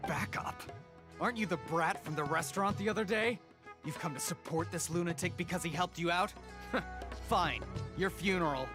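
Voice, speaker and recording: A man's voice: sits high, moderate pace, close to an everyday voice. Male actor as sneering game henchman, blunt and threatening, music underneath. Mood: mocking, threatening. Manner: menacing, mocking, blunt. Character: sneering thuggish male gang henchman, quick-tempered.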